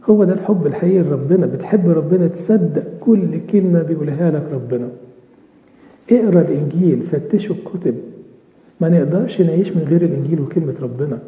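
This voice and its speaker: A man's voice: a little high, warm tone. A man with an Egyptian Arabic accent preaching a sermon, asking rhetorical questions and answering them himself. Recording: echoey hall reverb.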